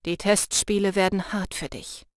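For this audiobook character, a woman lightly acts an intense young male shapeshifter who is protective, earnest and urging in a low voice, soft when teasing. Her tone stays steady at a moderate pace in a dry, studio-quality recording.

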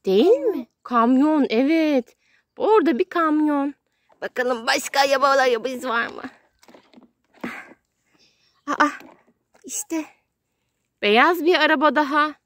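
Outdoors on the grass in a garden, a woman hosting a children's video plays with a small child, narrating in short, simple, sing-song exclamations. Her voice is high, animated and a bit bright, slow with frequent pauses, and there is no echo.

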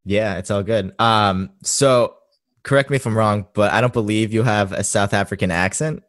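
A man from Boston hosts a casual podcast chat in an easygoing, laid-back way. His voice is deep and low, recorded dry and close on the mic. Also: moderate pace, no echo. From Boston, Massachusetts. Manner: laid-back, relaxed interviewer. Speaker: podcast host.

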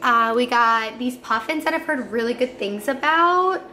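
A chatty young woman talks straight into a camera she holds at arm's length, catching her audience up on her week. Her voice sits a little high, and she keeps things light with quick asides. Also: lively intonation, background noise. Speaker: vlogger. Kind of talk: casual vlog chat to camera. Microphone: phone or camera held at arm's length.

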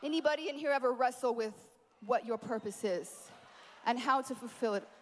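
A woman preaching a sermon at a conference, animated, with playful asides to the crowd. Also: on the high side, fairly quick, long reverb tail. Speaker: conference speaker. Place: large conference hall.

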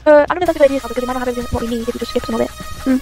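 A woman chatting while playing a game with friends, talking quickly and thinking out loud with hesitant fillers. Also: a little high, soft background music. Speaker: gamer. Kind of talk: casual gaming chat.

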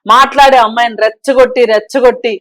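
A woman guest on a talk show, giving her opinions forcefully and pressing her point with rhetorical questions. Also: on the high side, fairly even intonation, quick pace, no room sound. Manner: emphatic, argues with rhetorical questions. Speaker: social commentator guest.

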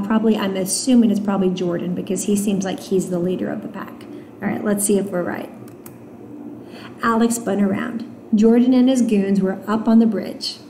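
Mellow woman teacher reading aloud. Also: medium pitch, slight background noise. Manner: gentle, explanatory classroom asides with fillers. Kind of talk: reading a novel aloud to students. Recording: roomy echo.

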